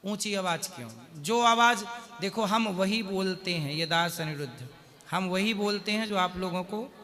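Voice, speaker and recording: A man speaking as a spiritual guru, counseling a married couple. He asks questions and slows down to recite couplets. His voice is high and bright, and it carries a long hall reverb. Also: animated. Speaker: spiritual guru giving advice on stage. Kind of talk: devotional advice to a couple.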